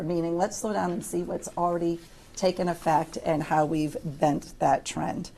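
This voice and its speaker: An American woman speaking as an insurance executive on a panel, measured and deliberate with a dry touch. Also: on the low side, gravelly, warm tone. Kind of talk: panel discussion remarks. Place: conference room panel.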